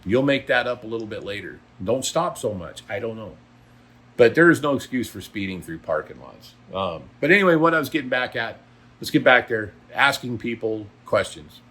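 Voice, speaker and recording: In this casual monologue, a middle-aged or older man who drives trucks and vlogs speaks bluntly and folksily, opinionated and emphatic. The voice is mid-range and expressive, pushed and bright, at a moderate pace.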